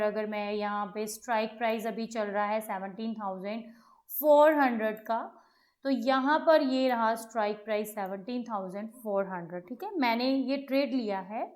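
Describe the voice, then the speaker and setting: A woman giving a patient screen-share lesson to beginners, often repeating points and checking that everyone understands. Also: a little high. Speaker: trading educator.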